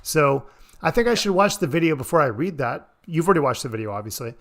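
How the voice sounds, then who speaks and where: A man's voice: a little high, lively intonation, quick pace. A man giving casual, rambling reaction commentary on a stream, swearing freely. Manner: rambling, profane, laid-back.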